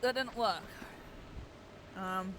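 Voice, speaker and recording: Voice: medium pitch, drawn-out words, background noise. A streamer chatting casually over live gameplay, swearing freely and joking at their own expense. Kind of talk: casual live game commentary.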